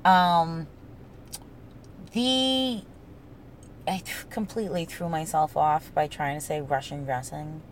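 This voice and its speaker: A woman's voice: low voice, slow pace, long pauses, slight background noise, low-quality recording. A woman with a New England accent who drops the G at word endings, rambling casually as a solo podcast host in a sweary, self-mocking way. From New England, United States.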